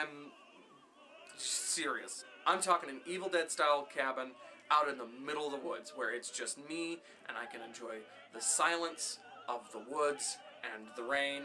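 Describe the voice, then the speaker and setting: A young man answering viewer questions in a casual vlog, lively and enthusiastic, with his voice jumping up when he reads a question out. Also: on the high side. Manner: enthusiastic, animated when reading questions aloud.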